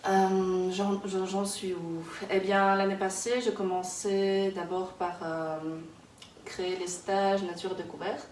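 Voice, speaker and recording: A woman's voice: mid-range voice, little pitch movement, slow, a little mellow. A woman in her thirties, born in Kazakhstan, answering interview questions in a casual, hesitant way with many fillers and restarts. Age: 30s. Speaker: interviewee, early childhood worker. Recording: echoey room, distant mic, background noise.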